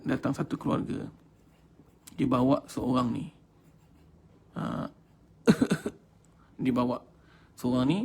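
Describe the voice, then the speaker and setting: Gravelly Malaysian man teaching a lesson. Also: medium pitch, a little mellow, a little hiss or hum. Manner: chatty, addresses audience as tuan-tuan dan puan; mixes in English words. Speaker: Quran teacher. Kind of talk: storytelling religious lesson.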